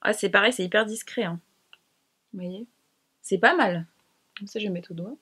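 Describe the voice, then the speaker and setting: A woman's voice: medium pitch, moderate pace, a bit bright, slightly rough. A young woman chatting casually to camera as she tests makeup, slangy and self-mocking. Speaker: beauty vlogger. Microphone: camera mic.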